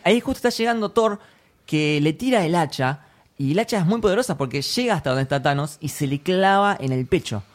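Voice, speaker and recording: A co-host with an Argentine Spanish accent, recounting film scenes in an excitable, exclamatory casual chat. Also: medium pitch, a little fast. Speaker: podcast co-host.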